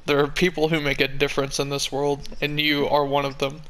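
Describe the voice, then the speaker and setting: A man's voice: a little high, completely flat delivery, a little fast, sharp tone, smooth, rough recording. Man playing a wounded, hammy male fox. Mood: earnest pleading. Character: wounded, earnest, embittered male fox partner. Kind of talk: dramatic reading of a comic.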